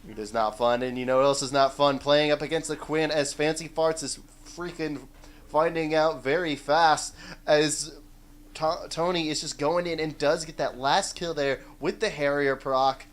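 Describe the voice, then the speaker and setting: A man casting a live esports match play-by-play, excitable and rising to shouts on big plays. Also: fairly high pitch, normal speed.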